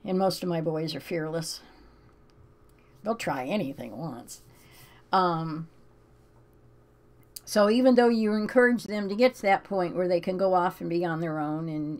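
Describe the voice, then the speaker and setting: An older woman hosting a casual talk show, chatting with many ums and restarts and reading scripture aloud. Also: on the low side. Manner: rambling, frequent ums and restarts; emotional, close to tears. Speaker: host.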